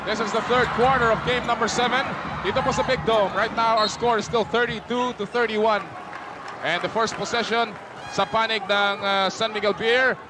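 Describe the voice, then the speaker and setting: A man calling a live basketball game play by play, excitable and mixing English with Tagalog. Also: sits high, moderate pace, noisy background. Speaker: play-by-play announcer. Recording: archival broadcast over loud arena crowd. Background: roaring arena crowd.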